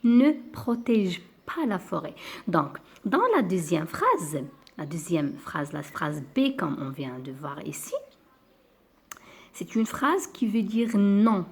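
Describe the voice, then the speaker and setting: Woman teacher going slow over a kids grammar lesson, kinda breathy, says stuff twice. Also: fairly low pitch, very animated. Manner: slow, patient, repeats key words. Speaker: primary school teacher.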